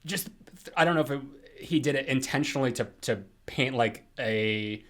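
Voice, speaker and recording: A man's voice: mid-range voice, normal speed, a bit bright. A man co-hosting a podcast, talking through a film in casual chat, rambling with lots of fillers and restarts. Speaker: podcast co-host.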